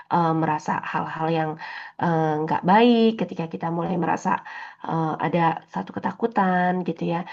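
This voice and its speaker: A woman's voice: fairly low pitch, a little mellow, highs cut off. A woman giving a casual morning devotional talk, conversational and full of fillers and tag questions. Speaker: devotional speaker.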